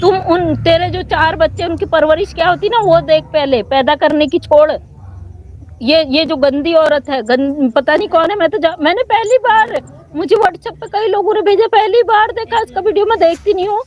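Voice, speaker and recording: A woman's voice: very high voice, moderate pace, highs cut off. A woman ranting heatedly on a talk video, scolding a critic while a little unwell. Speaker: YouTube commentator. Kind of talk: angry rant reacting to a critic.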